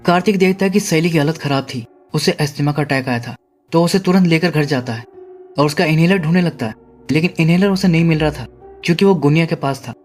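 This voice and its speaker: A man narrating a horror movie recap, steadily retelling the plot and paraphrasing the characters' lines. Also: on the high side. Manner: steady storytelling, paraphrasing dialogue. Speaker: movie explainer.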